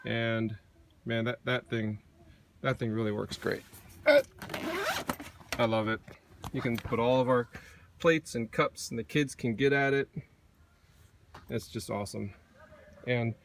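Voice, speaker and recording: Walking around his campsite with a phone camera in hand, a middle-aged man narrates casually from behind it, showing off his gear and making small self-corrections. His mid-range voice comes with a bit of background noise.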